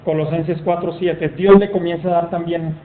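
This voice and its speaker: High-voiced preacher in an echoey hall. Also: male voice, fairly even intonation, moderate pace. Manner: emphatic storytelling, reads scripture aloud. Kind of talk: sermon. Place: church hall. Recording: tinny phone-like sound, echoey hall, faint noise.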